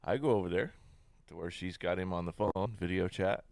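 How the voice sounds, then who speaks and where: A man's voice: sits low, brisk, vocal fry, a little mellow, no room sound. A middle-aged man with a Midwestern American accent, hosting a podcast with laid-back storytelling and casual swearing. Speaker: podcast host. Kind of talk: casual chat.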